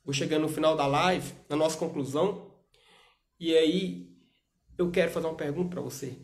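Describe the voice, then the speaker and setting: Emphatic preacher, higher voice. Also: male voice, moderate pace. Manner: emphatic, rhetorical questions, shifts between loud urging and soft asides. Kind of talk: sermon livestream.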